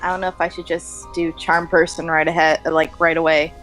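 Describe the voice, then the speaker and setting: A woman's voice: low voice, level tone, a little fast, a bit bright, soft background music, poor audio. A woman chatting casually as a player in a tabletop game.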